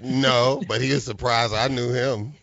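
A middle-aged man, a comedian, telling stories in a casual interview, animated and often laughing. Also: medium pitch, a little slow, creaky, dull audio. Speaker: comedian guest.

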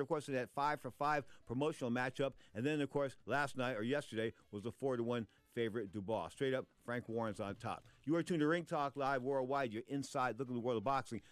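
A man's voice: mid-range voice, smooth, no room sound. A male radio host delivers sports commentary in a dry, close studio sound. He speaks emphatically and punches his opinions out, with a mid-range voice. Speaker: sports talk show host.

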